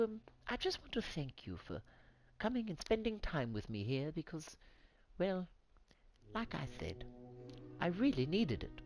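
A woman speaking in a genteel, old-fashioned gentleman manner on a live gaming stream. Her voice is fairly low, with a wildly varied pitch. Faint game music plays behind her. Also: low-quality recording.

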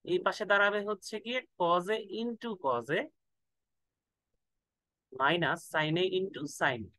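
A man's voice: high voice, animated, slow pace, sharp tone, no echo, low-quality recording. A man tutoring math in a casual lesson, thinking aloud and stretching words out while he works through formulas. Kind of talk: casual lesson, mixing in English.

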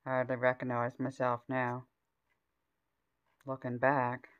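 A rumbling low, monotone, smooth voice, slightly slow, comes from a middle-aged woman casually naming grocery items in short phrases for her home vlog. She sits at a table indoors, filming on a handheld phone, and the sound is lo-fi.

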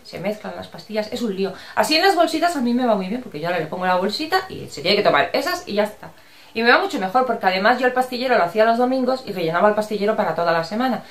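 Here a Barcelona vlogger, middle-aged, affectionate and talkative, responds to viewer comments in a casual chat. She has a mid-range voice and a Spain Spanish accent with Andalusian touches here and there. The recording has a roomy echo.

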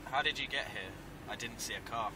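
A man's voice: medium pitch, fairly quick, close to an everyday voice. A man playing a terse, suspicious cult camp member in a found-footage film, secretly recorded from a pocket. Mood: suspicious, evasive. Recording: very noisy hidden pocket recording, distant.

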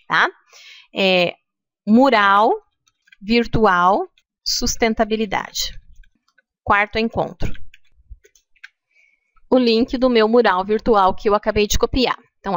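A woman's voice: mid-range voice, fairly bright tone, no room sound. A middle-aged woman with a Brazilian Portuguese accent, guiding teachers through a screen-recorded tutorial step by step and often checking in with her listeners. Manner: patient, explains step by step, checks in with "tá?". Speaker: teacher trainer.

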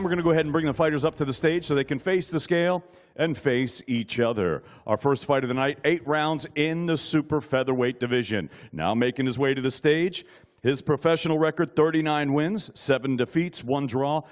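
A middle-aged man announcing formally like a lucha libre ring announcer, with emphatic showman introductions and drawn-out names, speaking into a handheld microphone on an indoor stage. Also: medium pitch. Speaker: ring announcer, master of ceremonies at a boxing weigh-in. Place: indoor weigh-in stage with backdrop.

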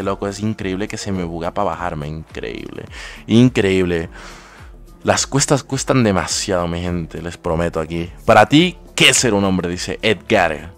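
A young man from Ecuador with an Ecuadorian Spanish accent, casually chatting through live gameplay commentary and answering his chat in slangy talk. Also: lowish voice. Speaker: gaming streamer.

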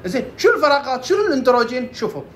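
A woman talks fast through casual health advice, firing off questions and answering them herself. Her voice sits fairly high. A faint hum runs under the recording. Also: lively intonation. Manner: quick, asks and answers her own questions. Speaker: herbal health presenter. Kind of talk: casual health tips talk.

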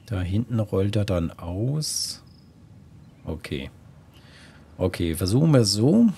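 A man's voice: lowish voice, very animated, slow, creaky, mellow, slight background noise. A man giving casual gameplay commentary, musing and thinking aloud to himself as he plays. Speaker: gamer, let's play host.

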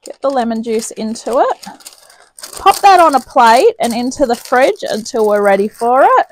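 A slightly high female voice with no echo comes from a New Zealand woman hosting a home cooking video. She chats homely and casual in her kitchen, thinking aloud step by step, recorded by a camera mic off to the side.

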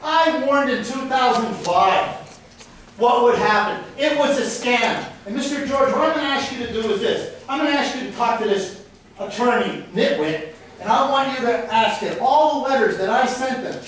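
A middle-aged citizen, very high-pitched with lively intonation and normal speed, loudly accuses and insults the city council in a frustrated public comment. The audio comes from a handheld camera far away in the audience of a spacious council chamber, echoing and faintly noisy.

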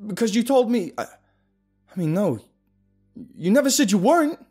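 A man voicing a paranoid young man who shouts frantically. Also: high voice, sing-song, measured pace, slightly rough, soft background music, pitched above the performer's own voice, heavily acted. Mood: panicked.

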